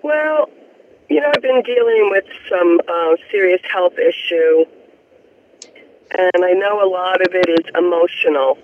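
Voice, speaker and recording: A woman's voice: lowish voice, a little slow. A woman from Florida calling in to a radio show over the telephone, talking earnestly and at length about her personal troubles. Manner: earnest, rambling, open about family troubles. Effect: heard over a telephone line on a radio show. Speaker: radio call-in caller. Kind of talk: personal phone-in conversation. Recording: tinny phone line with faint hiss.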